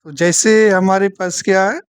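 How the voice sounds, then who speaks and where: A woman teaching a Bible study, speaking slowly and checking in with her listeners after almost every point. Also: mid-range voice, steady tone, clean tone, dry recording. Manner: slow, keeps asking "theek hai na?".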